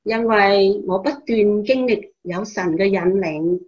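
An actress with a Hong Kong Cantonese accent playing a calm, devout mother in a Bible radio drama, telling her story in a measured, expressive way. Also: medium pitch, muffled recording, lightly acted. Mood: serene, assured.

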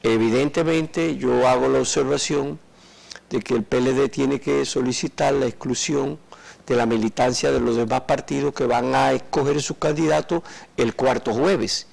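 An older man, a political party delegate, explaining in a measured way during a TV studio interview, recorded on a lapel mic. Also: mid-range voice, fairly even intonation, creaky, darkish tone, low-quality recording. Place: TV studio set.

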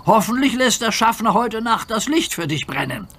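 A man's voice: high voice, big pitch swings, moderate pace, pushed and bright, slightly rough, voice pushed up, full character voice. A man voicing a small, cheeky young male tank engine who teases and scares easily. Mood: teasing. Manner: teasing, easily frightened.

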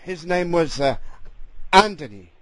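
A man with a slightly high, somewhat bright voice and wide pitch swings plays a hesitant Italian ex-convict during an in-character prank phone call. He speaks broken English in an Italian accent, halting and bumbling, with broken grammar and plenty of "uh" fillers.

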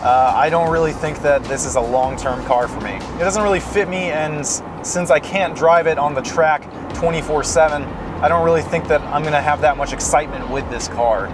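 A man casually reviewing a car in a vlog, thoughtful and measured. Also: fairly high pitch, over music. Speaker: road trip vlogger.

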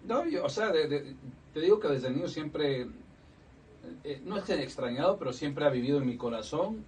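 A middle-aged man from Ecuador, a musician guest on a radio show, talking casually with many halting restarts. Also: a little high, animated, darkish tone. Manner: chatty, halting with many restarts, laughs easily. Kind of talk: casual interview chat. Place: small radio studio, indoors. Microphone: studio desk mic, recorded from a far camera. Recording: distant mic, faint room noise.

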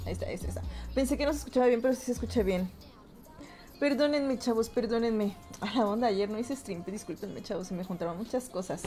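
High-voiced Mexican woman streamer. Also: fast talker, mellow, faint music behind. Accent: Mexican Spanish. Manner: greets chat viewers by name, chatty and upbeat. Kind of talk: casual live-stream chat.

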